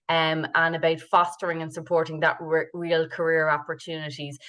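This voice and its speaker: A woman hosting a webinar panel, praising guests and asking questions with many fillers. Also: deep voice. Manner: warm praise, filler-heavy, restarts. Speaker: webinar host.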